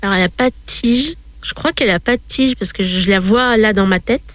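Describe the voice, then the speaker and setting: A woman guest on a science panel, teasing and quick to laugh in casual chat. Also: mid-range voice, a bit bright, dry recording.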